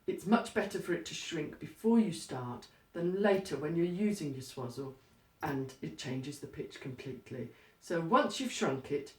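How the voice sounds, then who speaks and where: A woman giving step-by-step craft instructions in a plain, practical, instructive manner. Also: sits low. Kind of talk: step-by-step how-to demonstration. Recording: roomy, echoey, distant microphone.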